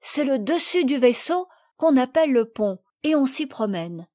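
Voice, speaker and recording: A woman reading the part of a little girl who sadly recounts a shipwreck, in a gentle, measured voice. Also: high voice, very animated. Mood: sad, earnest. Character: little girl recalling a shipwreck, sad and earnest. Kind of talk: audiobook reading.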